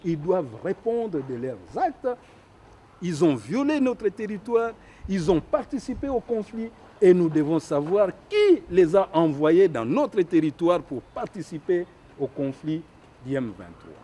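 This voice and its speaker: A man's voice: high-pitched, sing-song, unhurried, warm tone, slight background noise. A man speaking as a government official at a press statement, indignant and emphatic. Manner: indignant, emphatic, rising and falling sharply.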